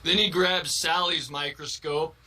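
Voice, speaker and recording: A man's voice: on the high side, steady tone, a little slow, bright, forceful tone. A man recounting a funny story to his viewers, laughing and giggling throughout. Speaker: video creator. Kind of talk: comic storytelling.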